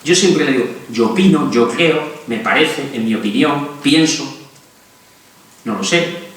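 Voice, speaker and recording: Animated lecturing doctor in an echoey hall. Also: male voice, medium pitch, unhurried, far from the mic. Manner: animated, humorous, acts out quotes. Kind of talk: lively public lecture. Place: hospital auditorium.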